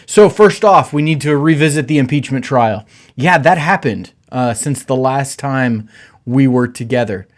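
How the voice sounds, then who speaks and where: Casual pastor hosting a podcast. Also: male voice, mid-range voice, unhurried. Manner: many "uh" fillers, relaxed conversational delivery.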